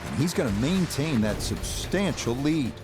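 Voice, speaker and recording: A man commentating on golf in a measured, descriptive announcer's delivery. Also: mid-range voice, sing-song, music in the background.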